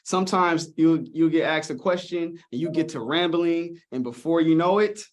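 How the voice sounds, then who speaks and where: A man's voice: fairly high pitch, normal speed. A man coaching students on interviews during a live webinar, casual and encouraging, often checking in with "all right?". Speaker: presenter.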